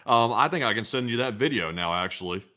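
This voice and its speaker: A man's voice: medium pitch, animated, fast talker, bright, forceful tone. A man co-hosting a live stream, chatting casually in a jokey, rambling way. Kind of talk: casual livestream chat.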